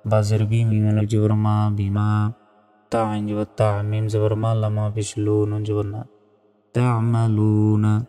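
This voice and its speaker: A man teaching Quran reading, methodically spelling out each syllable and then reciting the verses in slow, drawn-out phrases. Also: on the low side, completely flat delivery, dark tone. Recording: long reverb, faint background music.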